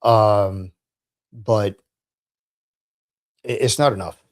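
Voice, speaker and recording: A man, an Army veteran guest, talking casually in an interview, halting and repeating words, laughing as he tells stories. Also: on the low side, fairly even intonation.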